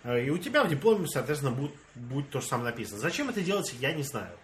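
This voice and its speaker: There's slight background noise as a young Russian man tells friends a story in rapid-fire bursts, using a mid-range voice. He's an animated narrator, voicing the dialogue and laughing often.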